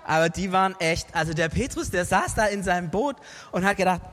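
A man telling a Bible story to a group in a lively, dramatic way, asking his listeners questions. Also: high voice, brisk, long reverb tail.

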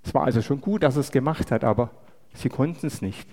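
A man delivers a sermon in a warm, mellow voice of middling pitch. He speaks in a measured way and often turns to the listeners with rhetorical questions. His voice rings out with a long reverb, as in a large church hall. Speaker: preacher.

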